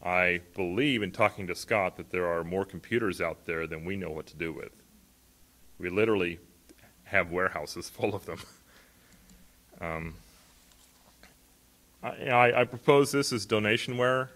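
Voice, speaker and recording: Speaking at normal speed with frequent pauses, this low-voiced, somewhat bright middle-aged man, not a native Hawaiian speaker, delivers a conference talk at a podium on a big stage. He sounds conversational, leaning on fillers like um and you know and often correcting himself, recorded through a podium mic and filmed from a distance.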